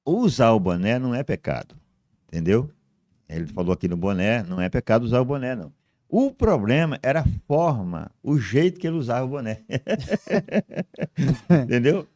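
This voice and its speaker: A man's voice: mid-range voice, sing-song, normal speed, long pauses, darkish tone, dry recording. A male pastor hosting a church talk show, explaining in a teacherly way with many hesitant restarts. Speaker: pastor and host. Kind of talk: preaching-style talk show chat.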